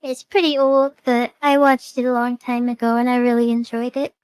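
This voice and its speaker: A woman's voice: on the high side, little pitch movement, moderate pace, a little mellow, clear, resonant tone, dry recording, low-quality recording. A young woman streaming a game with a friend, chatting casually with dry, teasing humor. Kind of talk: casual gaming chat.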